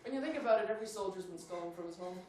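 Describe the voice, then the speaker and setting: A woman's voice: medium pitch, very fast, a little mellow, natural voice. A woman playing a cheerful, bumbling young male soldier on stage, chatty and giggly. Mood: storytelling. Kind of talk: stage play acting. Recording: echoey stage recorded from far off, noisy.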